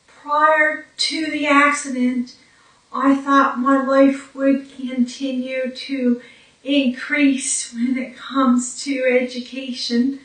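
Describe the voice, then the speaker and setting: Slow, halting woman in her forties. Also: high-pitched, little pitch movement, a bit bright, recorded from a distance. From Newfoundland, Canada. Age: 40s. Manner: slow, halting, with pauses and fillers. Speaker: brain injury survivor telling her story. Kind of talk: documentary interview. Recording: echoey room, voice from off-mic.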